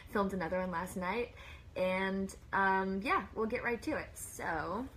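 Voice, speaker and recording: A woman's voice: mid-range voice, slow, fairly bright tone, a little hiss or hum, rough recording. A woman hosting a casual live stream from a plain room, chatting and greeting viewers one by one by name.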